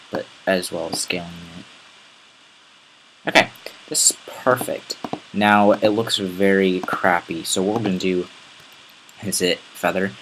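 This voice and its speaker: A man with a raspy voice giving a casual, rambling step-by-step software tutorial. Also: sits low, slight background noise, rough recording. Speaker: tutorial host. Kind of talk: screen-recorded software tutorial.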